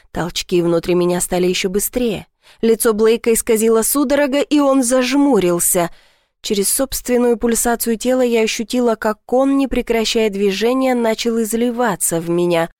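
A woman's voice: on the high side, darkish tone, no room sound, clean studio sound. Woman reading a first-person audiobook. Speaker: audiobook narrator.

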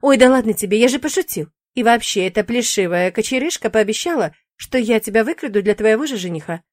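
A woman's voice: fairly high pitch, animated, fast talker, no room sound, clean studio sound. A woman voicing a playful, teasing young male demon in an audiobook, in a cheeky, bantering manner.

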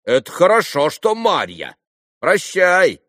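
A man's voice: high-pitched, wildly swooping pitch, takes it slowly, pushed and bright, dry recording, studio quality, voice pushed up, heavily acted. A man doing a cocky, mocking schoolboy. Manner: cocky, stern, ironic.

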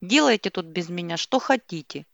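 A furious young mother screams her grievances in a loud, sharp voice, voiced by a woman reading a story aloud. She is spiteful and relentless. The recording is dull and dry, with no room sound. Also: on the low side, expressive, moderate pace, creaky, no room sound. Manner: screaming insults.

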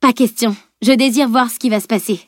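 A woman's voice: on the high side, steady tone, brisk, no room sound, clean studio sound, close to an everyday voice. A woman reading an audiobook, voicing a bold, blunt young female sword fighter who speaks frankly and with spirit.

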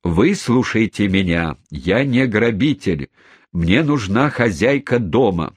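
A man voicing a flustered older English gentleman who pleads desperately, in an audiobook reading. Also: fairly low pitch, lively intonation, slow, breathy edge, no echo, heavily acted. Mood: pleading. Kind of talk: audiobook character voice.

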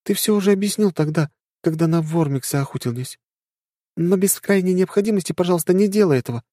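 A devoted young princess with a high, soft-edged voice, gentle and pleading, as a male narrator puts her on. The sound is close and dry. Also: quick pace, no room sound. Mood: earnest.

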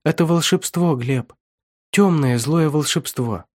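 A man's voice: fairly high pitch, darkish tone, no room sound, clean studio sound, pitched above the performer's own voice. A man voicing a tearful, frightened young woman. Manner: halting, tearful, stammering. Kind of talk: audiobook reading.

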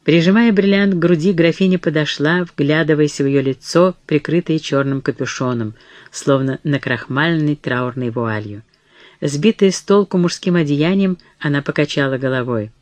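A narrator giving a steady, measured audiobook reading of a historical novel, voicing the dialogue quietly. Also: mid-range voice, dry recording.

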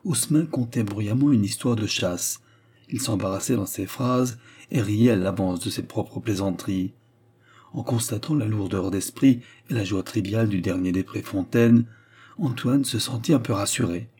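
A male audiobook narrator reading a novel in a measured, even way. His voice sits low, with a dark, mellow tone and a husky edge.

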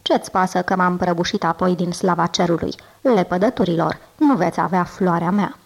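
A woman's voice: on the low side, creaky. A woman voicing a dying old dragon father who speaks weakly and turns contemptuous, in a storybook reading. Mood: scornful. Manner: weak voice, turning contemptuous.

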